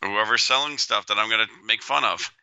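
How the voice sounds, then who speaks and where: A man co-hosting a podcast, chatting casually with dry, teasing remarks and a gravelly voice. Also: on the low side, fairly quick, bright, forceful tone, highs cut off. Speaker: podcast co-host. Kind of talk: casual chat.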